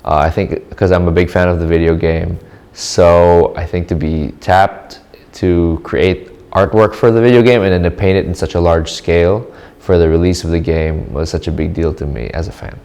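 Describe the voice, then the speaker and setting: A man's voice: sits low, steady tone, normal speed, a little mellow. A man from the Philippines, giving casual, thoughtful interview answers in short reflective phrases. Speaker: artist interviewee.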